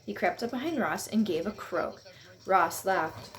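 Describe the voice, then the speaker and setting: A woman reading a children's picture book aloud at home, in a gentle, lively read-aloud voice. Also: mid-range voice, unhurried. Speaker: storyteller. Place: at home on a couch.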